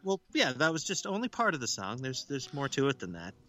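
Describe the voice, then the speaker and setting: A man's voice: mid-range voice, big pitch swings, brisk, sharp tone, soft background music. A man co-hosting a podcast, chatting casually with lots of laughter and stammered restarts. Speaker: podcast co-host.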